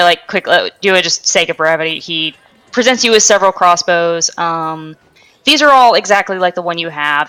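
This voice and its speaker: A young woman narrating as game master for a tabletop game over voice chat, halting, with many fillers and restarts. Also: fairly low pitch, pushed and bright, rough recording.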